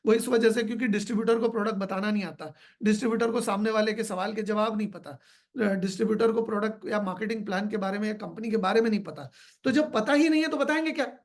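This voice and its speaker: A man's voice: high-pitched, fairly even intonation, fast. Hindi-speaking man giving a training talk. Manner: explains by repeating phrases, rhetorical questions. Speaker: business trainer.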